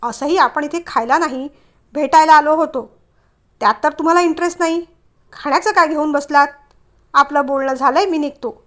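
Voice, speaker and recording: A woman storyteller plays a young bank clerk, a touchy suitor who lectures stiffly and quickly gets irritated. She keeps her voice high and a bit bright, using the same light storybook tone as her narration.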